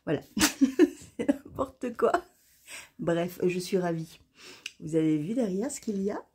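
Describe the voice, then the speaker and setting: A woman from France chatting casually to camera in a knitting vlog, excited and rambling, stumbling and restarting her words. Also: on the low side, moderate pace, slight background noise. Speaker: knitting vlogger.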